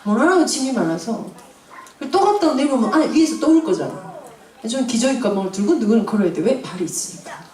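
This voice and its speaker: A woman in her forties preaching to mothers, acting out family scenes in an animated way. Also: a little high, fast talker. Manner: animated, acts out family scenes with audience laughter. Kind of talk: sermon. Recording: roomy hall from a distance.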